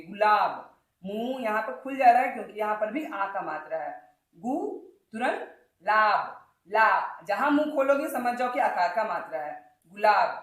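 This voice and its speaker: A woman teaching children, sounding out words slowly and syllable by syllable. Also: fairly high pitch, echoey room, rough recording. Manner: drawn-out, syllable-by-syllable word demonstrations. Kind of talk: Hindi lesson for children.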